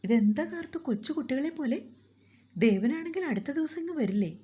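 A woman's voice: high-pitched, expressive, brisk, mellow, pitched above the performer's own voice. A woman doing a teasing, motherly aunt. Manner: scolding, teasing.

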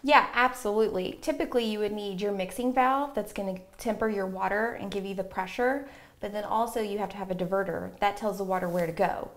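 A woman's voice: mid-range voice, fairly quick. A woman in her forties, a plumbing supply rep, explaining products confidently in a TV interview with many ums and uhs, recorded on a lapel mic in a bathroom. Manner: confident, explanatory, with frequent fillers. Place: inside a home bathroom.

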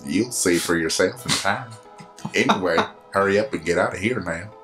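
A very old male talking sword from a video game , acted out by a man, low and slow. He is stern, curt and condescending, with game music playing behind him. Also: fairly bright tone. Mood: stern, instructive. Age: very old man, as played. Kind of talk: amateur voice acting of game dialogue.

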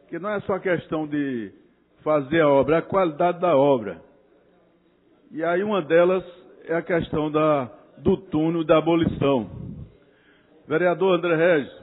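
Councilman, tinny echoey chamber. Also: on the high side. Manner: formal and critical, addresses colleagues as Your Excellency, halting restarts. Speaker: city councilor. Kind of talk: formal speech in a council chamber. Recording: reverberant chamber over a tinny narrow-band feed.

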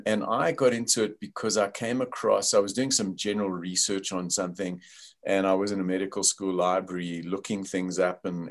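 On a video call, an older company founder with a South African accent thoughtfully explains what he does, his voice sitting low and his speech full of fillers.

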